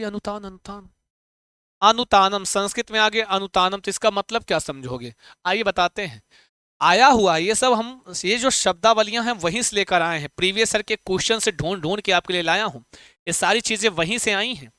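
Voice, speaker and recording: A man teaching Sanskrit in an exam-prep lesson, coaxing his students with questions and chanting verse slowly. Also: high-pitched, bright, forceful tone, smooth, no room sound.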